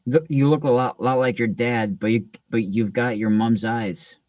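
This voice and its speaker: A man reading aloud and voicing a huge, gruff but kindly giant man in a slow, drawn-out way, recorded from a distant mic. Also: mid-range voice, steady tone, a little mellow, no room sound, natural voice. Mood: gruff, friendly. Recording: distant mic in a dry room.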